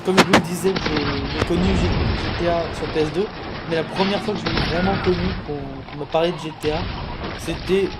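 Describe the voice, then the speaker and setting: Over very noisy loud music and video game gunfire, a sixteen-year-old from Paris talks fairly quickly through his gameplay in a casual, halting, apologetic way. His voice sits on the high side with fairly even intonation.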